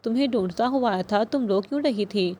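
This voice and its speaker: A woman's voice: a little high, mellow, close to an everyday voice. A woman reading the lines of a playful young man who teases his friend, in an audiobook. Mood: teasing. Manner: teasing, light.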